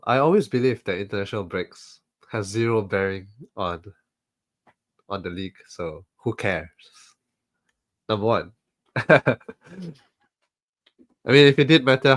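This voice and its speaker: A man with a fairly low voice, stuffy and nasal from a flu. He co-hosts a podcast in a relaxed, casual way, chuckling now and then and reeling off numbers in an orderly run. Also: measured pace, long pauses. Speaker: podcast co-host. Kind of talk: casual chat.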